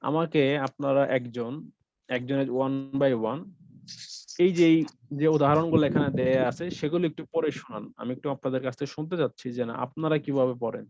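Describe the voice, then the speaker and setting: A man teaching a tajweed class online, explaining rules in a patient, repetitive way and chanting drawn-out examples. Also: mid-range voice, a little mellow, no echo, muffled recording. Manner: explains slowly, repeats terms, chants Arabic examples drawn out. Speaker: Quran recitation teacher.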